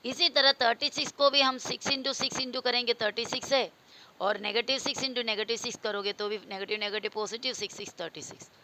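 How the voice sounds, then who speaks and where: A woman teaching school maths, her voice sitting a little high. She explains patiently and repeats each step, dropping English number words into her explanations. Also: fairly even intonation, fast talker, bright, forceful tone, a little hiss or hum, low-quality recording. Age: adult. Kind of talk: classroom-style maths lesson.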